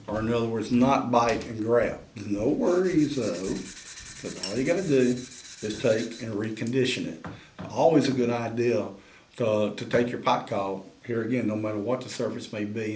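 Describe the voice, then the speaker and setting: A man's voice: mid-range voice, darkish tone, reverberant, slight background noise. A man giving a folksy, drawling tutorial on caring for turkey pot calls and calling y'all to the viewers. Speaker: turkey call maker and instructor. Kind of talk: demonstration tutorial.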